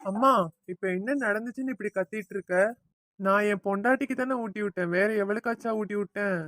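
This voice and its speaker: A woman's voice: medium pitch, fairly quick, a bit bright, no room sound, lightly acted. A woman voicing a young husband, tender to his wife and firm with his mother, in a family cartoon. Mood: warning. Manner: warning, insistent, affectionate to wife. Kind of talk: cartoon voice acting.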